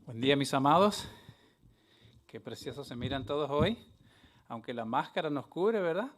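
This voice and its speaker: A man's voice: mid-range voice, expressive, normal speed. A male preacher greeting his congregation affectionately and leading them into the Bible reading. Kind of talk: sermon. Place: church sanctuary.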